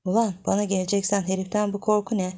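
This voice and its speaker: A jealous young village man scolds and demands in a gruff, rough manner, voiced by a woman reader. His lines come out gravelly and dark, pushed a little louder than the surrounding narration. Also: mid-range voice, little pitch movement, fast, close to an everyday voice. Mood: demanding.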